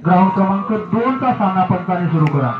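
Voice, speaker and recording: Guy on a loudspeaker at a kabaddi ground, high-ish voice, echoey and muffled, crowd noise behind. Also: animated, over music. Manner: formal, drawn-out calling of team names. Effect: outdoor loudspeaker. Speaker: tournament announcer. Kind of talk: formal public announcements.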